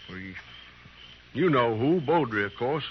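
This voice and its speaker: Troubled frontier townsman , male actor, American. Earnest rustic radio western delivery, mid-pitched, dull vintage sound. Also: expressive, a little slow, close to an everyday voice. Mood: wary. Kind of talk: old radio western acting. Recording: muffled, noisy vintage radio recording.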